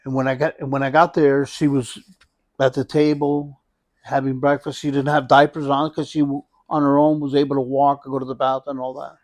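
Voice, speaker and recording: A man speaking as a hospice nurse in a conversational interview, reflecting haltingly and often repeating and rephrasing his phrases. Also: mid-range voice, level tone, dry recording.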